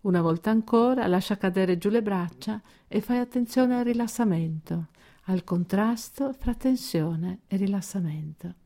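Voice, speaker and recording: Pausing deliberately between steps, a woman of medium pitch reads out a progressive muscle relaxation script, and her instructions stay calm and measured.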